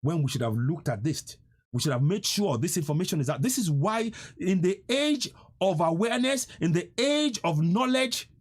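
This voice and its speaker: Impassioned husky man in his fifties. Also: sits high, expressive, normal speed. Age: 50s. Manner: pleading, repetitive, stammering when moved. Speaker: live stream host. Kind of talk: impassioned live-stream appeal.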